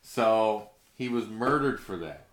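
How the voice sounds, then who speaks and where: A man's voice: lowish voice, lively intonation, slow. A man in a casual political argument, ranting in a profane, opinionated way. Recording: echoey room, noisy background, clicks.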